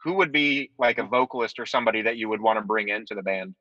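A man's voice: on the low side, fast, no echo. A man from Indiana interviewing a band on a video call from his phone, sitting in his car and chatting casually with lots of fillers. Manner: relaxed, rambling with fillers. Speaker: podcast interviewer. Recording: dull lo-fi video call audio.

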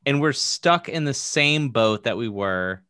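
A man co-hosts a casual podcast, hesitating and restarting before making his point with force. His pitch rises and falls in a lively, animated way. The recording is dry and close. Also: a little slow, clean tone, dry recording. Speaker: podcast co-host. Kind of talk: casual political chat.

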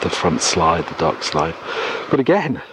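Deep-voiced man on noisy cassette tape. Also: big pitch swings. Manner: unhurried, musing, thinking aloud. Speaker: podcast host. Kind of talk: casual solo podcast commentary while out walking. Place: outdoors by an oak tree in countryside. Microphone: portable cassette recorder. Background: noise, clicks.

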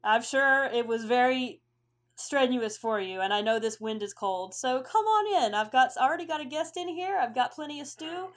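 A woman's voice: high voice, animated, normal speed. A woman voicing a big friendly male dragonborn warrior who welcomes guests into his tent. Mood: welcoming.

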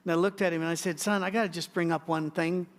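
High-voiced male pastor telling stories. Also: fairly even intonation, fast talker. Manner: storytelling with joking asides. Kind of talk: sermon.

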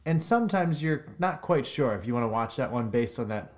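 A man's voice: mid-range voice, animated, fairly quick. Rambling man co-hosting a chat. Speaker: podcast co-host. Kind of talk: casual chat.

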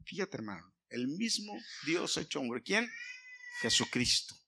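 A pastor preaching with a high, ringing voice. He is a man who climbs to emphatic peaks, then drops into hushed asides. He asks the congregation questions as he goes. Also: sing-song, measured pace, slightly rough. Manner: asks the congregation questions, sings snatches of a hymn. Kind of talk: sermon.

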